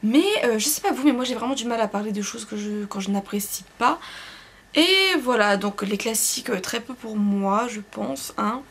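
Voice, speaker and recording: A young woman reviewing books in a casual vlog, rambling and hesitant, full of fillers and self-corrections, and quick to poke fun at herself. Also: a little high, animated, husky. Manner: self-deprecating, laughs at herself. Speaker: book vlogger.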